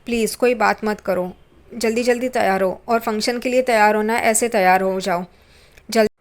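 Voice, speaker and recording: Woman voicing a bossy, hurried young husband. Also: high voice, steady tone. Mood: impatient. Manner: curt, hurrying commands.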